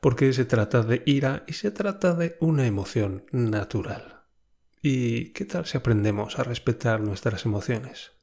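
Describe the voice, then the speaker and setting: A man's voice: medium pitch, creaky, a little mellow. Chatty male podcast host. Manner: chatty, laughs often, swears freely. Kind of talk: casual podcast monologue.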